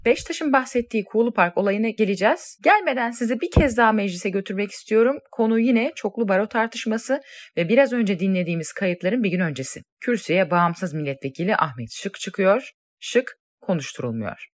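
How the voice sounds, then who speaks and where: A woman's voice: medium pitch, expressive, brisk, no room sound. A woman presenting scripted news narration into a close microphone.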